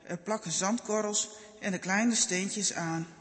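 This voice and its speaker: A man narrating a children's Bible story in a gentle, measured storytelling manner. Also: high voice, fairly even intonation, in a large hall.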